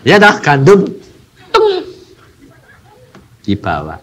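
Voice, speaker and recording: A man preaching a sermon and telling a personal story, moving between hushed and loud passages and acting out the people in it. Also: on the high side, wildly swooping pitch, drawn-out words. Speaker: evangelist preacher.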